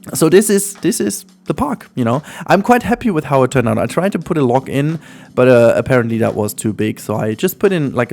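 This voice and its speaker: This man's medium-pitched, somewhat mellow voice carries a German accent from his first language. He hosts a gaming channel, rambling through casual commentary on his play with plenty of ums, while faint music runs underneath.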